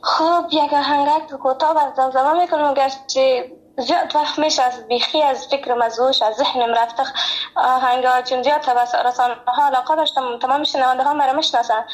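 A woman with an Afghan accent and Pashto as her mother tongue speaks in a very high-pitched voice. She chats as a regular caller on a radio phone-in, effusive and openly affectionate in her way of talking. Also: steady tone, rough recording. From Farah province, Afghanistan. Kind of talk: casual radio phone-in chat.

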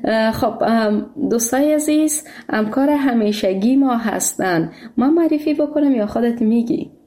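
A woman with an Afghan accent presents a radio phone-in. Her voice sits a little high, and she talks in a friendly, courteous, conversational manner. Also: warm tone. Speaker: radio programme host.

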